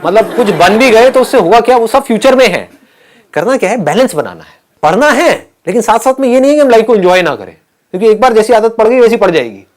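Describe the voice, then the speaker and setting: A man's voice: high voice, very animated, fast. A man giving an interactive motivational talk to a live audience in a hall, teasing and laughing with them. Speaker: motivational speaker.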